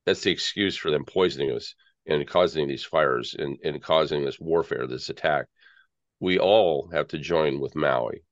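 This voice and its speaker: An American man with an extremely low voice, appearing as an interview guest, delivers earnest, rambling, conspiratorial political commentary in a conversational tone at a moderate pace. The recording is dry, dull lo-fi audio.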